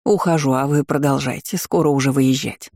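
A man reading an audiobook voices a loving, tearful grandmother with a gentle, slow manner. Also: mid-range voice, steady tone, creaky, no room sound, clean studio sound. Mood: tender.

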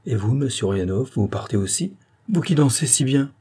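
A man's voice: medium pitch, expressive, fairly quick, dark tone, slightly rough, voice pushed up. A man reading the part of a fussy, flustered older hostess who pleads with her guests. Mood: fussing. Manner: fussing, pleading.

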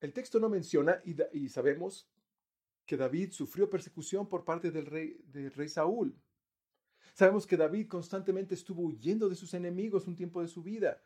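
A man preaching a sermon as pastor, earnest, often restarting phrases, his voice rising and then dropping quiet. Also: breathy edge. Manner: earnest, pauses and restarts, voice swells then sinks low.

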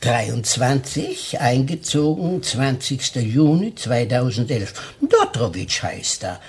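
An actor playing an old, shriveled, hard-of-hearing hotel porter who rambles and stammers evasively in a radio drama. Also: male voice, mid-range voice, very animated, slow, breathy edge, heavily acted. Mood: evasive mumbling. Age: older.

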